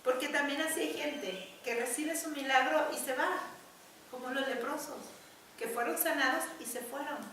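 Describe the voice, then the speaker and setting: A woman preaching, her voice high and bright. She speaks emphatically, repeating words and addressing the congregation directly. The sound rings through a large echoey church hall, picked up from well away from the mic. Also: normal speed, distant mic, a little hiss or hum. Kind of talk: sermon.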